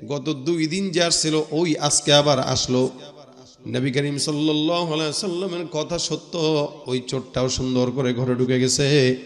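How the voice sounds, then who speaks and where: A man preaching a Bengali waz sermon, fiery and sing-song, swinging between shouted lines and hushed storytelling. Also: a little high, steady tone, normal speed, in a large hall.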